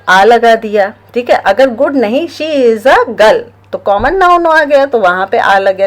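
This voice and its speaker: A woman with an Indian accent teaching a grammar lesson, explaining step by step and checking in often with her listeners. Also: medium pitch. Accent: Indian English. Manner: explains slowly with frequent check-ins, reads English examples very slowly. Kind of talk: classroom-style grammar lesson.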